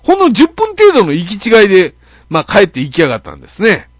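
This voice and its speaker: A man with an Okayama Japanese accent hosts a casual net radio monologue. His voice sits a bit high and swings all over the place as he tells his stories. He talks in a grumbling, self-mocking way, full of fillers, and the sound is close and dry. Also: huge pitch swings, quick pace, no room sound. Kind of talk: casual monologue, comic storytelling.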